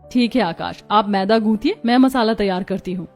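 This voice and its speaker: A woman's voice: medium pitch, moderate pace, a little mellow, close to an everyday voice. A woman voicing a worried but dignified young mother in a cartoon story, firm and caring. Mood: gentle.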